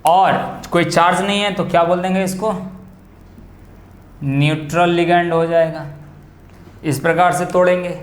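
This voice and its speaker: Male chemistry tutor, high voice, echoey classroom, quizzes himself as he explains. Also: fairly even intonation. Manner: questions and answers himself, drawn-out key terms. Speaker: chemistry teacher. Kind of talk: classroom lecture on coordination compounds.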